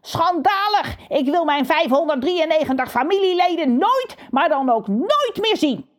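A woman's voice: high voice, big pitch swings, normal speed, pitched above the performer's own voice. A woman voicing a scheming, greedy male crow boss who talks in an indignant, blustering way. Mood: outraged.

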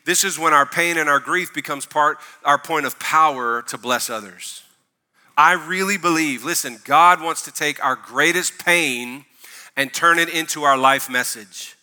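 A male pastor preaching a sermon in a booming motivational manner, emphatic and repeating phrases as he calls on listeners to respond. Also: a little slow, pushed and bright.

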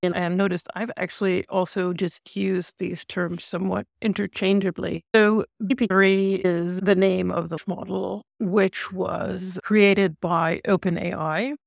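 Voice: mid-range voice, little pitch movement, unhurried, vocal fry, few pauses, dry recording, studio quality. A podcast co-host who interviewed a researcher, explaining things in a thoughtful conversational way with some restarts.

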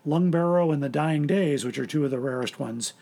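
A man hosts a casual podcast in a gravelly, husky voice that sits fairly high. He rambles and restarts his sentences often as he talks. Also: brisk, mellow. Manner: rambling, hesitant, many restarts. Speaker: podcast host.

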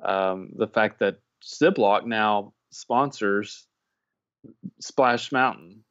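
A man's voice: fairly low pitch, extremely slow, a bit bright, smooth, no room sound. A man co-hosting a podcast in casual, conversational chat, on a somewhat dull recording. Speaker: podcast co-host. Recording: dull, dry lo-fi audio.

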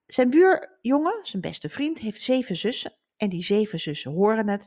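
A middle-aged woman, a children's book author, answering interview questions and reading aloud from her book with expressive storytelling. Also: lowish voice.

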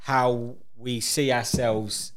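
A man's voice: mid-range voice, little pitch movement, slow pace. A man in his late thirties from the UK in casual chat, explaining his points earnestly with lots of restarts. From United Kingdom. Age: 30s.

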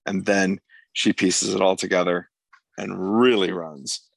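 A man's voice: sits low, little pitch movement, unhurried, vocal fry, no room sound. A man co-hosting a podcast, recapping the plot of a TV episode in long, casual runs and laughing easily. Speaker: podcast co-host.

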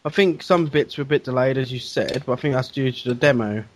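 A man's voice: medium pitch, quick pace, a little hiss or hum. A man chatting casually about video games on a podcast, laid-back and hesitant. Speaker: podcast guest.

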